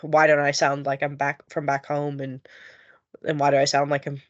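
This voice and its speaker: A woman's voice: low-pitched, monotone, moderate pace, muffled recording. A woman from the United States speaking openly and chattily in a group discussion, laughing easily. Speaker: discussion panelist.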